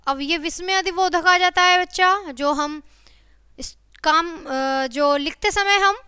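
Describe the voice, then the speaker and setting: Bright-voiced woman teaching grammar. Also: very high-pitched, slow, dry recording, studio quality. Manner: repeats phrases, frequent check-ins with students. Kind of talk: grammar lesson for children.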